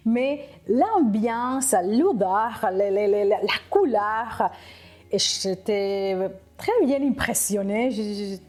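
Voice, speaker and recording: A middle-aged woman from Cuba, speaking French, telling her immigration story in an interview, reflective and halting with frequent restarts. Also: mid-range voice, animated, darkish tone. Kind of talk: personal testimony interview.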